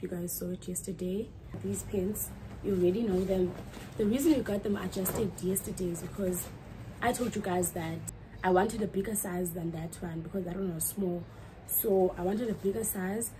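This student vlogger, a young adult woman, speaks at a normal speed with a steady tone and a voice on the low side. She chats casually to her phone camera at arm's length in a small dorm room, wandering off and correcting herself. Background noise is audible.

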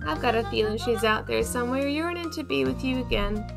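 A woman's voice: a little high, fairly quick, vocal fry, over music. A woman voicing a fussing, sentimental older female cat who runs a diner in a game. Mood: wistful. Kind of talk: game dialogue read aloud in character.

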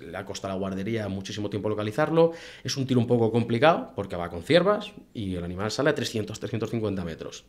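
A fast-talking man with a Castilian Spanish accent and a slightly low voice in casual podcast conversation. He tells things vividly, voicing other people's remarks and dropping in mild swear words, close on a studio microphone. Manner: animated storytelling with acted-out quotes and mild swearing. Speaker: podcast guest, hunting professional. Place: small indoor podcast studio. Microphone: close boom-arm studio microphone.

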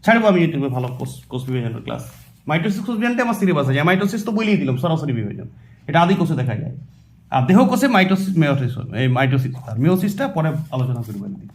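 Very animated and rapid-fire, this fairly high, darkish-toned male voice carries a West Bengal Bengali accent. He preps students for a biology exam by posing his own questions and answering them, saying terms again as he writes them out on a board.

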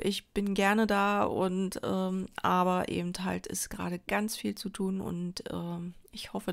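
This Berlin crafting vlogger talks casually as she crafts at an indoor table. Her mid-range voice carries a gravelly edge, and she's chatty and rambling, full of fillers and restarts.

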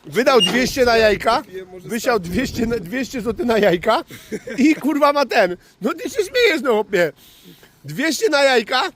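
A man hosting his own vlog as a tow truck driver, telling rambling stories in a casual way and swearing freely. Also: sits high. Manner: rambling, swears freely, calls listener "chłopie". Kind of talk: casual storytelling to camera.

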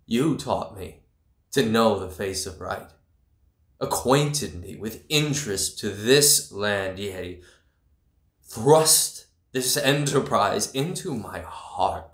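A young man performs a proud, defiant prince in a Shakespearean stage monologue. He declaims formally and very slowly in a lowish voice. The room adds a noticeable echo. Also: expressive. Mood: grave reproach. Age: 20s. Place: indoors, small room against plain backdrop. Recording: roomy, echoey small room.

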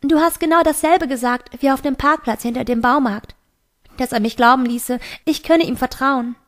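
A woman's voice: high voice, normal speed, pitched above the performer's own voice, lightly acted. A woman voicing a desperate teenage girl who pleads urgently in a raised voice. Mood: pleading, urgent.

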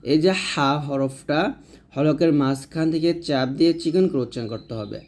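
A man teaching Arabic letter pronunciation, patiently repeating each sound slowly for learners to copy. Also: medium pitch, darkish tone. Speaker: Quran reading teacher. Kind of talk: step-by-step pronunciation lesson.

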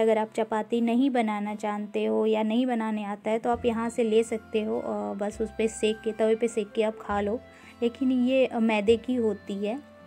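With a warm voice on the high side, a woman gives a relaxed grocery store walkthrough, holding her phone as she films. She drops in English words here and there and says "uh" often, never rushing.

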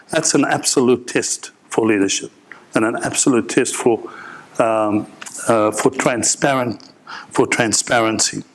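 Earnest pastor repeating phrases. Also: male voice, medium pitch, poor audio. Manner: earnest, repeats phrases for emphasis, halting restarts. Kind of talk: sermon. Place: large indoor church hall.

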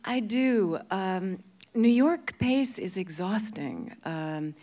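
A woman's voice: medium pitch, animated, slow, warm tone. A woman in her fifties, a guest actress in an on-stage interview, talking with handheld mic and hesitant restarts. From born in England, grew up in Canada. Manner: hesitant, many restarts and fillers. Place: large festival stage before an audience.

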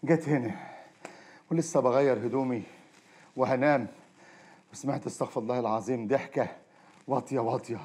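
An actor playing a sly, loud, pleading drug-dealing brother-in-law, in an Egyptian accent. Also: male voice, extremely high pitch, sing-song, fast talker, full character voice. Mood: pious murmur. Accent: Egyptian Arabic. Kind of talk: TV drama acting.

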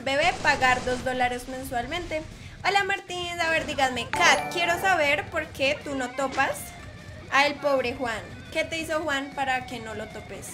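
A woman streaming a game live, teasing and chatting playfully with her viewers. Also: high-pitched.

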